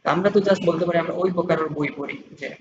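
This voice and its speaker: A young man talks fast in a somewhat high voice, walking learners through a lesson. He circles back and restarts often, then slows right down to read English sample answers. The recording sounds dull and lo-fi, with clear background noise. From Bangladesh. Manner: reads English example answers slowly and deliberately, then explains; loose, repetitive explaining with many restarts. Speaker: English exam tutor. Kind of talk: casual screen-walkthrough tutorial.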